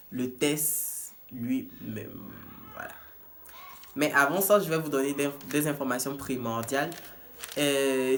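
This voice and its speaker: Slow, hesitant man demonstrating a kit. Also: mid-range voice, fairly bright tone, a little hiss or hum. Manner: hesitant, restarts and repeats words. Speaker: peer educator in HIV prevention. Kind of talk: casual hands-on product demonstration.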